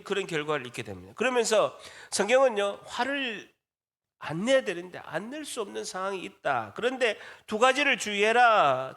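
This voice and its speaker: A man's voice: sits high, pushed and bright. A male pastor preaching a sermon, often addressing the congregation directly and asking them questions, with call-and-response repetitions. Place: church sanctuary.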